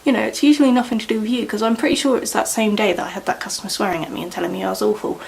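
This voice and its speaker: A woman's voice: mid-range voice, fairly even intonation, rapid-fire, creaky, poor audio. A young woman chatting casually in a rambling way while doing her makeup at home, with lots of fillers. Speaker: beauty vlogger.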